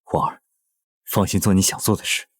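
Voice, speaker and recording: An actor playing an indulgent, commanding emperor in a costume drama, with stately, measured speech and a husky voice. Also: male voice, lightly acted. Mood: tender, earnest. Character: indulgent, commanding emperor devoted to his consort.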